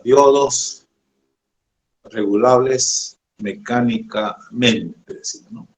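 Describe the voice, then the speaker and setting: Male teacher, slow and halting lecture, constant tag questions, roomy echo. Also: medium pitch. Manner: slow, halting, keeps adding "decimos, ¿no?". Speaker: electronics teacher. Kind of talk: classroom lecture. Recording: echoey room.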